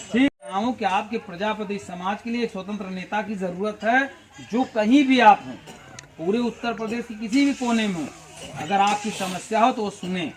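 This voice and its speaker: A man's voice: high-pitched, normal speed. A man giving an outdoor village meeting speech as a party organizer, full of rhetorical questions and folksy analogies.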